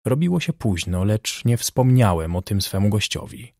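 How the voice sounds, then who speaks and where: A man narrating a classic novel as an audiobook in a measured, even manner. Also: lowish voice, no room sound, studio quality. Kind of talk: scripted narration.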